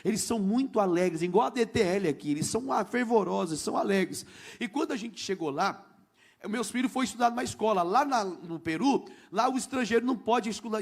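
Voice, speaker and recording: A middle-aged Brazilian man with a Brazilian Portuguese accent gives a sermon testimony in a notably high-pitched voice. He tells his story with animation as a missionary pastor and slips into the voices of the people he quotes. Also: fast talker, creaky.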